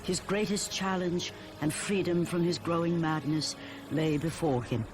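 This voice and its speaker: Lady doing old solemn storyteller narrating a greek myth game, low voice, music behind. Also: fairly even intonation, close to an everyday voice. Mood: solemn, foreboding. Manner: solemn, measured epic delivery. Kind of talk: scripted dramatic game narration.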